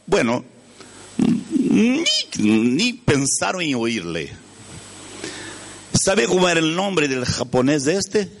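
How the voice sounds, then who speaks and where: A man's voice: on the high side, very animated, slow pace, vocal fry, long pauses. A man from Brazil with a Brazilian Portuguese accent, a native Portuguese speaker, preaching a storytelling sermon in Spanish. He often asks his listeners questions and searches for words.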